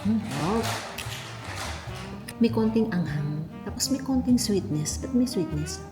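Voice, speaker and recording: A woman's voice: mid-range voice, animated, slow pace, reverberant, over music. A woman with a Filipino accent chatting casually to viewers as a food vlogger, mixing languages as she eats and talks. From Philippines. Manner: chatty, eating while talking, code-switching. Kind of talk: casual food haul and mukbang chat to viewers.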